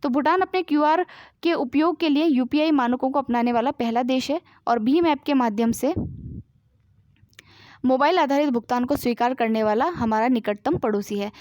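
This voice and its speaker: A woman's voice: sits high, normal speed, a little mellow, no room sound, muffled recording. A woman teaching a current-affairs lesson for exam students, reading news items aloud and then explaining them in plain asides with frequent fillers. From India.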